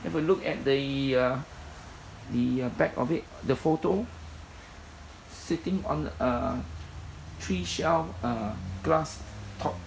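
Man with a creaky voice listing storage contents. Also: mid-range voice, slow, long pauses, slight background noise, rough recording. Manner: plain, matter-of-fact listing with many fillers. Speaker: storage unit seller. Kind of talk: walkthrough commentary. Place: indoor storage unit. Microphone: phone camera held in hand.

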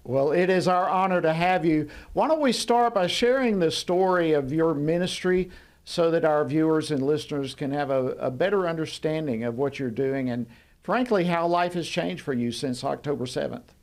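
A man's voice: on the high side, normal speed. Polished man in his sixties hosting. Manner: polished, courteous broadcast delivery. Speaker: host. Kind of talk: talk show interviewing. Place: TV studio, indoors. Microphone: desk microphone.

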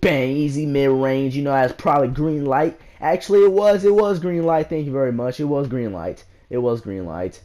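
A young man giving loud, hyped, slangy commentary over his own basketball gameplay as a channel host. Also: medium pitch, moderate pace, few pauses. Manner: hyped, shouting bursts, slangy trash talk.

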